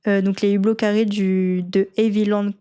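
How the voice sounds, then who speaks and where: Mellow-voiced woman hosting an interview. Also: medium pitch, little pitch movement, normal speed, smooth. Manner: casual, self-deprecating, laughs at herself. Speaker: host. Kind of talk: casual interview.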